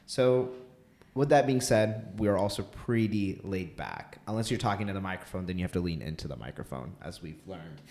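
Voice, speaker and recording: A man's voice: deep voice, expressive, normal speed, a little mellow. A man in his early thirties co-hosting a podcast, welcoming the guest in a laid-back, friendly way. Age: 30s. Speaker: podcast co-host. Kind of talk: casual interview talk.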